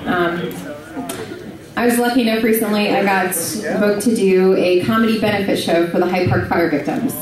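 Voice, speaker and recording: A woman's voice: medium pitch, moderate pace. A woman doing a stand-up comedy set in a bar, telling brash, profane stories with big swings in her voice. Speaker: stand-up comic. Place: bar stage before a live crowd. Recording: echoey room, mic from a distance. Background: crowd laughter.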